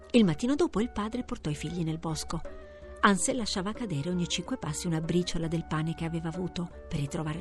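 A woman reading a fairy tale aloud in a measured storytelling manner, slowing down for effect. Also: lowish voice. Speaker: storybook reader. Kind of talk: scripted fairy-tale narration.

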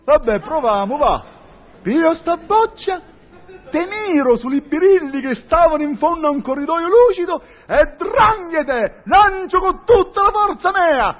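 Naive shepherd, boastful, very high shrill voice, lo-fi old comedy recording. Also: male voice, expressive, unhurried. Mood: folksy, boastful. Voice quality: shrill, folksy, exclaiming in dialect. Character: naive boastful rustic male shepherd, middle-aged villager. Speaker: comic character telling his story. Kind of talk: comic monologue with acted dialogue.

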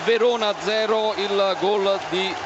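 A man reports goals live on radio in a very high, excited voice. His phrases are short and staccato. Clear crowd and stadium noise sit behind him. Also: slow pace, highs cut off. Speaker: football commentator. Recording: noisy stadium broadcast with crowd.

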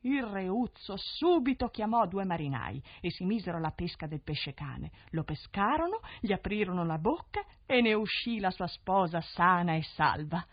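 A woman's voice: on the low side, normal speed, hardly any pauses, no echo. Woman telling a fairy tale on old radio. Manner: expressive, lilting storytelling. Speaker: storyteller. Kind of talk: scripted fairy-tale narration. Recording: dull dry 1970s radio studio recording.

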